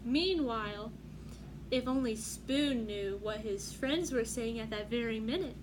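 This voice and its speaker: Over clearly noisy room background, a storyteller reads a picture book to young children, teacherly and asking them questions along the way. Her voice runs on the high side and is a little slow.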